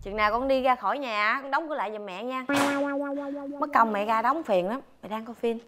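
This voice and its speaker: Man doing a nagging middle-aged mom, shrill, scolding, music behind. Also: fairly quick, pushed and bright. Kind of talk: comedy sketch acting.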